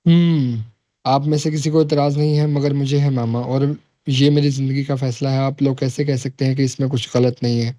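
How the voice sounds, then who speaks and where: A man's voice: medium pitch, little pitch movement, mellow, dry recording, lightly acted. A man narrating a novel, voicing a tearful young woman pleading against her arranged marriage. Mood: tearful protest. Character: heartbroken young bride-to-be woman. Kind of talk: audiobook novel reading.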